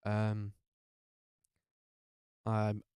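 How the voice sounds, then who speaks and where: A tired young man, telling his life story to camera in a halting way, full of fillers and restarts. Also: fairly low pitch, completely flat delivery, darkish tone, smooth, no room sound. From North West England. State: tired, up very early. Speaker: vlogger.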